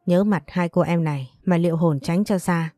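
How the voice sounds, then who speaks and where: A cold, commanding young man barks curt orders, as a woman storyteller voices him. The voice sits low and mellow. The recording is dry, with faint music underneath. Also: moderate pace, no echo, close to an everyday voice. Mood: cold menacing. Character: cold, commanding tall young man in his late twenties.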